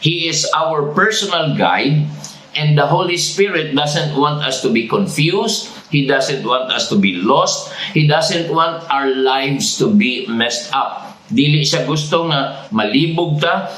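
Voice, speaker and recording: In a church sanctuary, a pastor with a Cebuano accent preaches a sermon, deliberately repeating each point and prompting the congregation to say phrases back. His voice is medium-pitched with a fairly bright tone, and the rough recording is reverberant.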